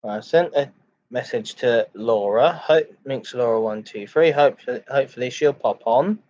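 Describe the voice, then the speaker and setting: A man hosting a casual livestream chat, greeting viewers in a halting, repetitive way. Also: medium pitch, a little mellow. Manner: halting, repeats phrases. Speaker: live streamer, host of a chat and ASMR stream. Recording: dull lo-fi microphone sound.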